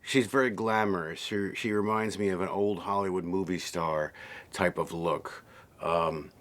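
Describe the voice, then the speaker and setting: A man's voice: deep voice, measured pace. A film director talking casually and enthusiastically about casting his series, with frequent fillers. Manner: relaxed, enthusiastic, many fillers. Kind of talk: casual behind-the-scenes interview.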